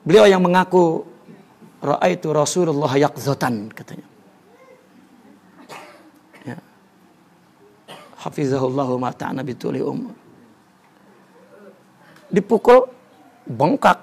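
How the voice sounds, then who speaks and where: A man's voice: a little high, expressive, slow, gravelly, long pauses, a little mellow, slight background noise. A man teaching a religious study lesson, telling stories, repeating words for emphasis and reciting Arabic before explaining it.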